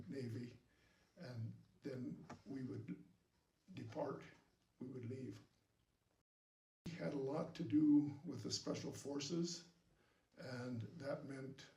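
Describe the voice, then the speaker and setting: An older man, a war veteran, recalling his memories in a halting, reflective way during an interview. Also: medium pitch, a little mellow. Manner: old veteran remembering, halting and reflective, with long pauses. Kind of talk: recounting wartime memories in an interview. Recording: distant mic, roomy echo, background noise.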